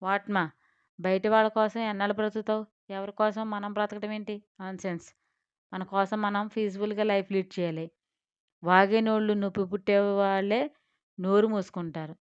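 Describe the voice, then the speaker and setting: Woman doing proud defiant young woman, sharp retorts, smooth clear tone, dull lo-fi sound. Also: mid-range voice, little pitch movement, a little fast, dry recording, close to an everyday voice.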